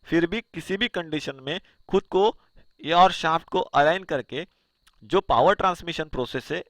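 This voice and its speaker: A man's voice: fairly high pitch, moderate pace, fairly bright tone, no echo. Guy teaching engineering, keeps asking himself questions then answering, dry close sound. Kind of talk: explanatory lecture over slides.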